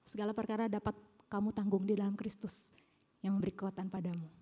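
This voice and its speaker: A middle-aged woman preaching a sermon, telling her own story in an animated way and acting out the voices of people she quotes. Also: mid-range voice, fast. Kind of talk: sermon with personal testimony. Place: large church hall. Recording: long church hall reverb.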